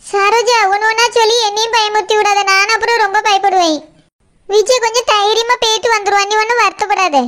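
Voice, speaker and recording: A woman voicing a calm elder sister in cartoon comedy, speaking reassuringly with a Tirunelveli accent. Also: very high-pitched, fast. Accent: Tirunelveli Tamil. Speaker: cartoon voice artist. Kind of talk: cartoon family comedy dialogue.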